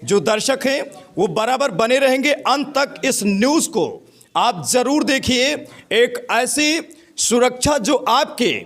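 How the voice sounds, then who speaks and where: A man's voice: extremely high pitch, expressive, slow, a bit bright. A man reporting local news on location from a village panchayat hall, addressing viewers emphatically.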